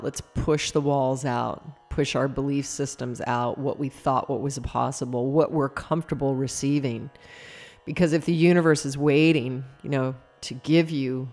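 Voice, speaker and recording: A woman with an early-morning voice leading a spiritual talk before a guided meditation, meandering and reflective, pausing often with fillers. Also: very deep voice, a little mellow.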